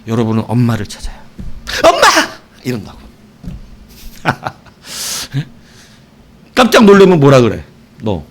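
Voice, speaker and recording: Animated man preaching, lively pitch. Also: slow, long pauses. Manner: animated storytelling, shouting exclamations, asks the congregation questions. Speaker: pastor. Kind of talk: evening sermon.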